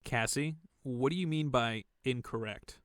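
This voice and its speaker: A man's voice: mid-range voice, unhurried, fairly bright tone, dry recording, clean studio sound, close to an everyday voice. A man playing a conscientious, cautious and inquisitive salvage worker in a science fiction audio drama. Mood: uneasy.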